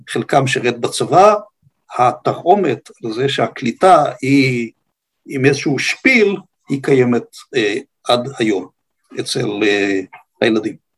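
With a mid-range, slightly husky voice and an Israeli accent, an older guest who grew up on a kibbutz shares an unscripted historical account, choosing his words in slow, halting phrases.

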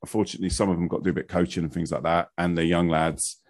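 A man's voice: low-pitched, steady tone, very fast, a little mellow, no room sound, studio quality. A man from England hosting a casual football podcast, bantering and teasing his co-hosts. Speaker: podcast host. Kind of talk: casual chat.

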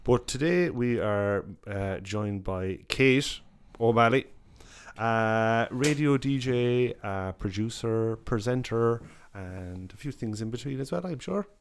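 A man's voice: medium pitch, animated, slow pace, clean tone. An Irish man hosting a podcast, interviewing in a casual, informal way with hesitant phrasing.

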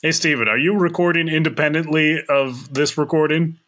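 A man's voice: a little high, fairly quick, a bit bright. A man hosting a casual podcast chat over a remote call, joking and flustered by tech trouble. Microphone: remote call recording.

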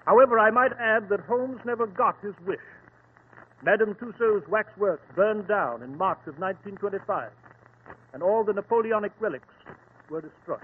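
A man's voice: high voice, moderate pace, lightly acted. An actor playing an earnest, inquisitive male doctor and companion to a detective, in 1940s radio acting. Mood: storytelling. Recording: tinny old radio with faint hiss.

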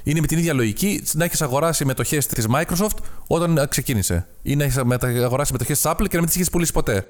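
A man's voice: fairly high pitch, lively intonation. A man co-hosting a casual podcast over a remote call, joking, swearing and laughing between takes. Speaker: podcast co-host. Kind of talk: casual podcast chat with bloopers.

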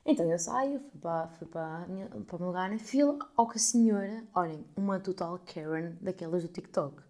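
A 21-year-old woman with a European Portuguese accent tells her podcast listeners a story, casual and animated, swearing freely and acting out the people she quotes. Her voice is lowish and her pace brisk.

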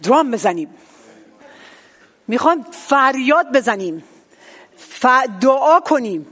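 A woman's voice: high-pitched, big pitch swings, a bit bright, slight background noise. A woman pastor leading a worship service in fervent prayer, calling out with urgent, repeated praise and rebuke.

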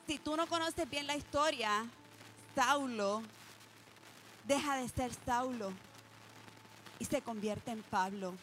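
A woman delivers a sermon in a high voice, earnest and personal, speaking directly to the listener. She reads scripture passages slowly, leaning on key words. A faint background hiss sits under the recording. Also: fairly bright tone, poor audio. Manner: reads scripture aloud, slowing for emphasis. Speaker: preacher.

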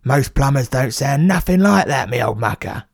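A man's voice: mid-range voice, expressive, normal speed, gravelly, no room sound, studio quality. A man voicing a cheeky, blunt working-class plumber, in a comic audio story. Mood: matey. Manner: blunt, matey, slangy.

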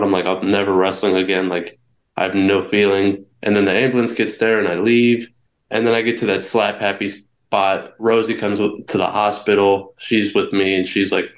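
Young man guest, roomy echo. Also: lowish voice. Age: young adult. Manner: candid storytelling with many restarts. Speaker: guest wrestler. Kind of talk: casual interview. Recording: echoey room.

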